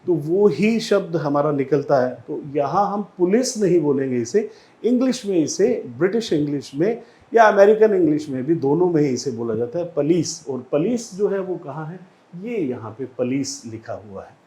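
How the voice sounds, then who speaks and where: Teaching an exam-prep English lesson, a man with an Indian accent explains slowly and repeats each word as a drill. His voice is fairly high-pitched, animated, and dark in tone.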